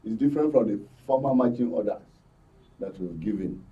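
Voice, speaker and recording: A Nigerian-accented man, a political commentator on a panel, offers political analysis as a guest in a discussion. His voice is on the low side, expressive and a little fast. The microphone sounds muffled and slightly distant.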